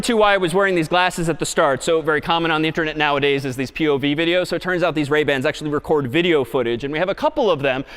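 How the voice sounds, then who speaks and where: A man giving a university lecture on stage, lively and often putting questions to the audience. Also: on the high side, clean tone. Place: large lecture hall stage. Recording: long reverb of a lecture hall.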